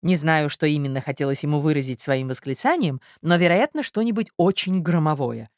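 A woman narrating a classic novel aloud in a measured, expressive way. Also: deep voice, no room sound, studio quality. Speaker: audiobook narrator. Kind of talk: literary audiobook narration.

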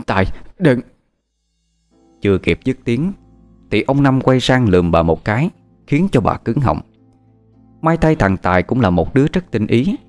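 Man, horror story narration, suspenseful, animated low voice. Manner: dramatic, suspenseful reading.

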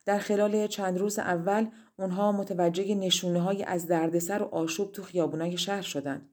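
A woman's voice: fairly low pitch, steady tone, a little mellow. A woman narrating a fairy-tale audiobook in a colloquial, spoken style. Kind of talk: storybook narration.

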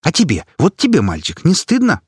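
An indignant young woman, played by a man, who lectures everyone about cruelty to animals. Her voice jumps far above the reader's own and rings shrill with outrage. It is heard in a husky storybook reading, close and dry. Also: wildly swooping pitch, fairly quick, dry recording, exaggerated voice. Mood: outraged.

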